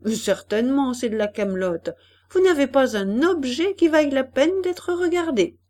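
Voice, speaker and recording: A woman reading aloud, voicing a suave gentleman who speaks in a calm, condescending way. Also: high voice, moderate pace, pitched above the performer's own voice, close to an everyday voice.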